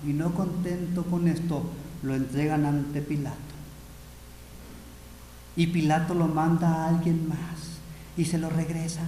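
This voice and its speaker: A Mexican-accented male pastor preaching a dramatic sermon and calling his listeners brothers. His voice is high for a man, and he is recorded in a large seminary hall with a long, ringing reverb. Faint room noise runs underneath. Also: flat delivery, a little slow, long pauses, warm tone.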